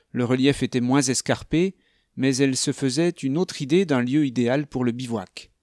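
A man reads a novel aloud in a calm, even manner. His voice has an ordinary male pitch and a close, dry sound with no room around it. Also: no echo. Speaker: narrator. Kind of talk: audiobook narration.

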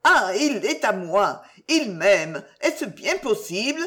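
A woman's voice: medium pitch, big pitch swings, slow pace, a bit bright. A woman voicing a passionate, torn young woman in an audiobook, with exclamations full of emotion. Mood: rapturous. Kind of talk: audiobook character reading.

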